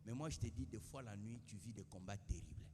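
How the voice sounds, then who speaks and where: A male pastor preaching a sermon, calling for amens and swinging from quiet asides to shouts. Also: on the low side, brisk, in a large hall, background noise. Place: church.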